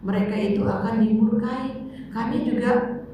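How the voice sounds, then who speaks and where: A woman's voice: a little high, fairly even intonation, moderate pace, dark tone, muffled recording. Lady teacher leading youth bible study, sounds far off in a very echoey room. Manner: conversational, calls on students to read. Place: church room. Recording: echoey room, mic far off, faint noise.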